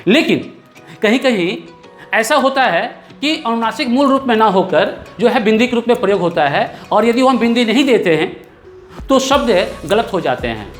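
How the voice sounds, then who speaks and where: A man's voice: very high voice, expressive, normal speed, faint music behind. A man teaching a grammar lesson, explaining patiently, repeating key terms and checking in with the class. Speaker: Hindi teacher.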